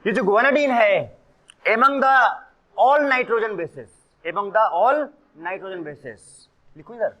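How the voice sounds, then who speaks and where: A man teaching chemistry in a classroom, switching between Hindi and English as he explains. His voice sits high and swings widely in pitch, and he keeps pausing to quiz his students. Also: lively intonation, pushed and bright, muffled recording. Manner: mixes Hindi and English, quizzes students with questions. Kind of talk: classroom lecture.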